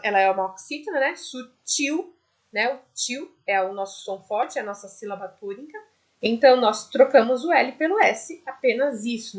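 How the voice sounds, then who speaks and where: Patient teacher, higher-voiced woman. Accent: Brazilian Portuguese. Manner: patient, explains step by step with diminutives. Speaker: primary school teacher. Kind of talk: recorded video lesson.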